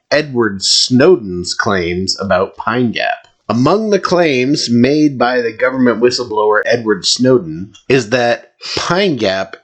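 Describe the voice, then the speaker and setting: A man with a mid-pitched voice co-hosts a podcast. He reads a top ten countdown with a lightly playful, teasing edge. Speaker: podcast co-host. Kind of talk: reading a top ten list.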